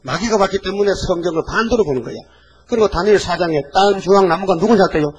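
An elderly male pastor in his eighties delivers a sermon with a voice sitting a little high for a man. He preaches in a lively, folksy manner, constantly pulling the listeners in with quick rhetorical questions. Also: a little hiss or hum, poor audio. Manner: animated, folksy preaching with frequent rhetorical "eh?" checks.

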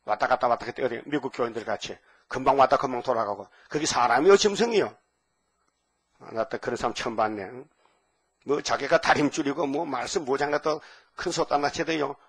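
A man in his seventies preaching a sermon. He reads scripture slowly, asks the congregation rhetorical questions and sometimes bursts out loudly. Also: mid-range voice, slightly rough. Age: 70s. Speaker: pastor.

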